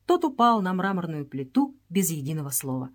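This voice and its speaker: A woman narrating an adventure story as an audiobook in a steady storytelling voice. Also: fairly low pitch, a little fast.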